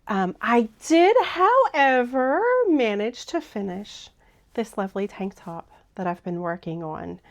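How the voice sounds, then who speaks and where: A woman with a hoarse, froggy voice talks casually through a cozy knitting vlog. She rambles in a friendly, chatty way, pitched at an ordinary middle range for a woman. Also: expressive, a little slow. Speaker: knitting vlogger.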